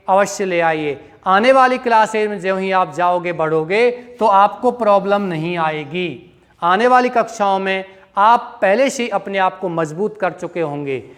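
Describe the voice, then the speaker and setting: A man's voice: high-pitched, a bit bright, in a large hall. A male teacher giving a classroom grammar lesson, spelling out words letter by letter, repeating them and quizzing his pupils.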